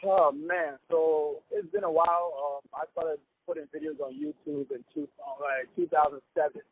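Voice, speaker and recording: Young man from Ghana, easygoing comedian guest, gravelly husky voice, tinny phone sound. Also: a little high, huge pitch swings, moderate pace. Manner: easygoing, upbeat, chatty with fillers. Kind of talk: casual interview.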